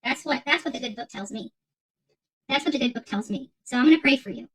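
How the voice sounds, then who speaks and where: Fast-talking and high-pitched with a touch of brightness, she vents spontaneously to the audience of her online commentary channel. The tone is combative and emphatic, phrases get repeated for weight, and the recording is slightly rough.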